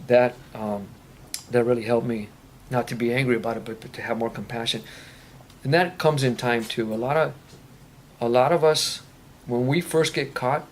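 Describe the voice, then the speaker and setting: A recovery ministry speaker fields audience questions earnestly at a faith-based recovery meeting in a meeting room, his answers rambling with many restarts. He has a medium-pitched voice, and the recording carries a little hiss or hum.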